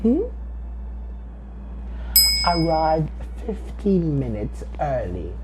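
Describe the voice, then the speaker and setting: A man's voice: fairly high pitch, sing-song, extremely slow, heavy background noise, heavily acted. A man playing a haughty, theatrical queen. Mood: lecturing. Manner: pompous, regal, sing-song with giggles. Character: haughty pampered royal queen, grand and theatrical. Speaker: resident choral diva.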